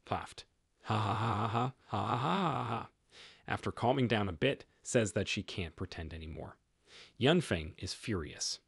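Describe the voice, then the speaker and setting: A man reading a scripted story recap in an even, measured way, with some oddly worded phrases. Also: lowish voice, husky, dry recording, clean studio sound. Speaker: recap narrator.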